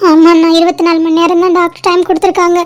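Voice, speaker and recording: A woman's voice: extremely high pitch, little pitch movement, fast talker, background noise. A woman voicing a distraught aunt in a cartoon, pleading tearfully over the phone. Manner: sobbing, pleading. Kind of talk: cartoon voice acting.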